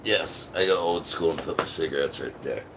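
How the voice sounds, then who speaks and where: A man's voice: extremely low pitch, normal speed. A man chatting casually on a livestream, rambling along and swearing freely. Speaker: live streamer. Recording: clearly noisy livestream audio.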